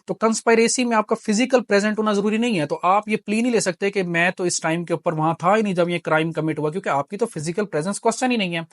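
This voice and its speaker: With a high voice and no room sound at all, the recording is studio-clean. The speaker, a Pakistani-accented man, explains law in lecture form, dropping in English terms and driving points home through examples and repetition.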